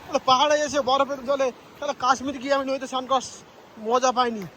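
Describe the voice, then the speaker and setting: High-voiced excited male travel vlogger. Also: fast, slight background noise. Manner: chatty and excited, talking to viewers. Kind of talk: casual travel vlog narration. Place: outdoors by a mountain river.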